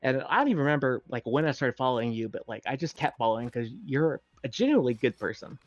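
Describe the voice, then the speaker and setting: A man's voice: medium pitch, lively intonation, fast talker, no echo, lo-fi sound. A man in his thirties, a guest in a casual chat, encouraging and rambling with many fillers.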